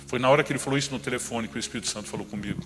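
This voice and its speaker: Fast-talking middle-aged pastor, bright voice. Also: male voice, medium pitch, a little hiss or hum. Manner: lively storyteller who acts out dialogue. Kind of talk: sermon with personal storytelling. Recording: reverberant hall with faint background music.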